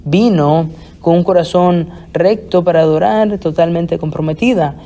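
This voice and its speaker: A man preaches an expository sermon, working through the passage in a deliberate, halting way and often restarting his phrases. His voice sits fairly high for a man, with a gravelly edge and a dark, mellow tone. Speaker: pastor.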